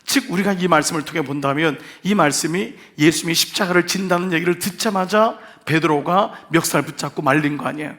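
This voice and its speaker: Male pastor preaching at a church revival, kinda high voice, acts out the quotes, really animated. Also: brisk, hardly any pauses. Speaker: senior pastor. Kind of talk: revival sermon. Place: church sanctuary.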